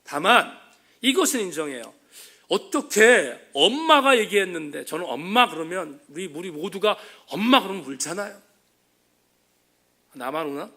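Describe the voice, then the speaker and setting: Pastor, male, high gravelly voice, passionate sermon delivery in a church. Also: very animated, moderate pace. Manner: impassioned preaching, swelling to loud emphatic peaks. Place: church sanctuary.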